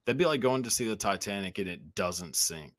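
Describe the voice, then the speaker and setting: Deep-voiced American man chatting casually. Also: expressive, a little fast, a bit bright, dry recording. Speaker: podcast host. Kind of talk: casual comedic podcast chat.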